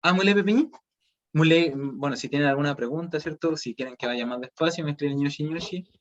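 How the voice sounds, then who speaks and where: A man's voice: a little high, a little fast, lo-fi sound. A man with a Chilean Spanish accent teaching a language class online, explaining step by step and checking in with students often.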